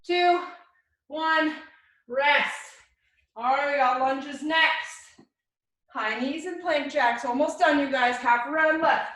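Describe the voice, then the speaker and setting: A woman's voice: high-pitched, slow pace, pauses often, fairly bright tone. A woman leading a workout as an aerobics instructor, energetically calling out short encouraging commands and counts while exercising. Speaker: fitness instructor. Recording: echoey room, distant microphone.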